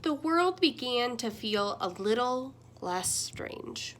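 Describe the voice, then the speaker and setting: A young adult woman takes her time reading a children's picture book aloud as a teacher. Gentle and expressive, she moves through wide swings of pitch and loudness.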